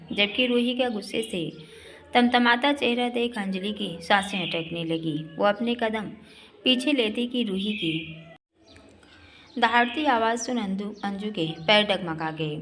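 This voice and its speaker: Woman storyteller, mid pitch, storybook narration, faint background noise. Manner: warm direct address to listeners.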